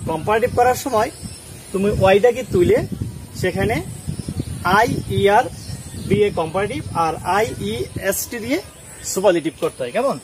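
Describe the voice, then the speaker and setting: High-voiced male grammar teacher. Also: background noise. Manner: checks understanding with repeated questions. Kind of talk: classroom lesson explaining at a board.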